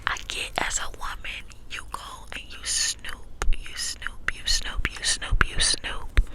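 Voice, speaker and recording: A young woman from Texas whispering an ASMR storytime through cupped hands close to the mic, sometimes repeating phrases over and over. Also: takes it slowly. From small town in Texas, United States. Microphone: close ASMR mic, hands cupped around it.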